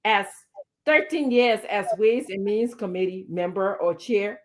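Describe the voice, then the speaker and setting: On a talk show, a woman from Liberia argues politics with indignant emphasis, circling back on repeated words and asking sharp rhetorical questions. She keeps a measured pace in a mid-range voice.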